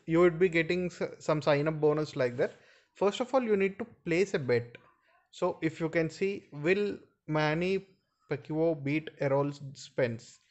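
A man with an Indian accent hosting an informal screen-share tutorial, explaining step by step and often addressing his viewers directly. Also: on the high side. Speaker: video host.

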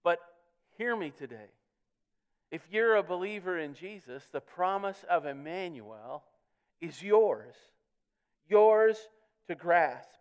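A man's voice: high voice, lively intonation, takes it slowly, pauses often, clear, resonant tone. A pastor preaching a sermon in church, earnest, often repeating words as he builds to his points. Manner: earnest preaching with frequent word repeats, swelling on key words. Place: church sanctuary.

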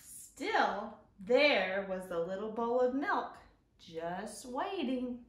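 Her pitch fairly high, a children's librarian in her thirties presents storytime indoors at home in her living room. Her delivery is expressive and simple, aimed at little ones, with key words stretched out. The audio comes from a camera mic a few feet off and sounds roomy.

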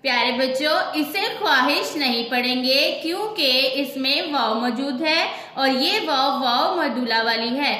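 A woman's voice: high-pitched, a little slow, few pauses, bright, forceful tone, reverberant. A woman teaching a children's Urdu reading lesson, patiently spelling out each word letter by letter.

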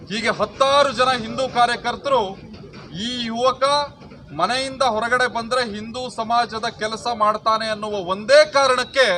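A man's voice: extremely high pitch, bright, forceful tone, slight background noise. A man, a protest leader, giving a fiery political speech at an outdoor street protest and repeating phrases for emphasis.

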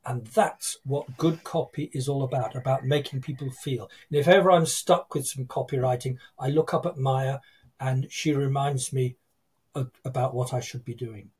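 Husky older man on a video call. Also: medium pitch, normal speed. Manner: lively storytelling, acts out quoted people. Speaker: guest copywriter. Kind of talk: casual interview chat. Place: home office with bookshelves. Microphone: video call webcam.

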